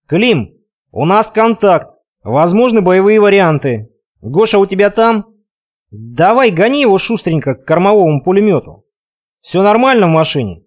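A calm, commanding middle-aged sea captain barks clipped orders, his voice pitched high for a man, as an audiobook narrator puts him on. The delivery swings widely, rising and falling with each command. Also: normal speed. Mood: brisk. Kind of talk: audiobook character voice.

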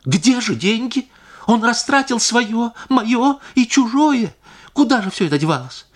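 A man's voice: on the high side, expressive, normal speed, pitched above the performer's own voice. A male audiobook reader voicing a distraught, indignant noblewoman who pleads and accuses by turns. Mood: pleading. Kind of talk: audiobook character reading.

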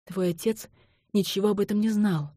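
A woman reading the lines of a young woman who speaks softly and then cries out in desperation, in an audiobook. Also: mid-range voice, moderate pace, no echo, clean studio sound, close to an everyday voice. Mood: quiet. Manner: soft voice breaking into pleading cries.

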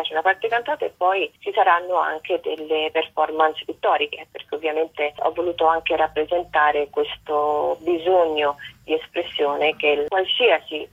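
This woman's voice is deep and slightly rough. She is a stage author and actress being interviewed by phone about her own show, and the line sounds muffled and narrow.

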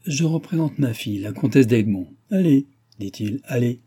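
A man's voice: medium pitch, expressive, moderate pace, warm tone, husky. A man reading a sly, mocking old court duke. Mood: wry. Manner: teasing, ironic.

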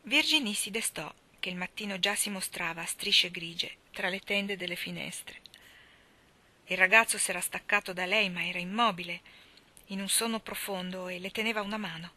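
Female literary reader: measured, expressive narration with soft whispered passages, bright voice. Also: mid-range voice. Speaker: reader of stories. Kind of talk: literary reading.

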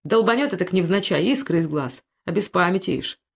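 A woman's voice: on the low side, animated, fairly quick, creaky, breathy edge, heavily acted. A woman voicing a burly, simple-minded peasant thief who complains in a whimpering folk speech. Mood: plaintive.

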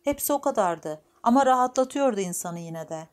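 A woman's voice: a little high, animated, brisk, a little mellow. Woman reading an audiobook. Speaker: audiobook narrator. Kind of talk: scripted narration.

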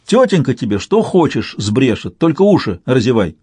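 A man's voice: medium pitch, sing-song, moderate pace, dark tone, breathy edge, no room sound, voice pushed up. A man voicing a sly, wary middle-aged peasant husband with rustic, mock-sweet speech. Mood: gruff.

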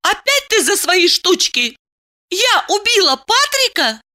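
A woman voicing a shrill, indignant woman. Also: lively intonation, unhurried, sharp tone, full character voice. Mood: furious. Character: hysterical proud woman, shouting and indignant. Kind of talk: audiobook character voice.

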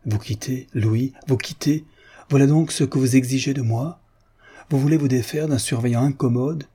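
A male reader plays a proud young noblewoman hidden in men's clothes, her voice pitched up yet husky and dark-toned. She pleads and reproaches in turn, wounded but dignified, in a storybook reading. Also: moderate pace, lightly acted. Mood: hurt, pleading. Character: young noblewoman disguised as a man, devoted, proud.

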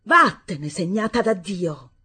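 A woman voicing a fierce young stepmother in a literary audiobook, husky and screaming in shrill outbursts. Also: very animated, slow pace, sharp tone, heavily acted. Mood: venomous.

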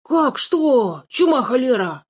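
A woman voicing a greedy, fussy old male dwarf in a storybook reading, excitable and quick to curse. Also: lowish voice, close to an everyday voice. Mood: excited grumbling. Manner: fussy, excitable, keeps cursing.

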